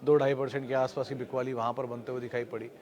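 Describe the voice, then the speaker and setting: Male market show host, mid-pitched, steady explainer with filler pauses. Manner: steady explanatory delivery with frequent filler hesitations. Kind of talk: daily stock market wrap-up.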